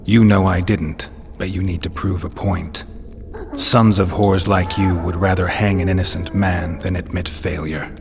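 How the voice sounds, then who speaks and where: Very low, sardonic captive monster hunter. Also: male voice, measured pace, music in the background. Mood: angry, frustrated. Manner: dry, deadpan, sarcastic. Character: jaded, sardonic male monster hunter held prisoner. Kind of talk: video game voice acting.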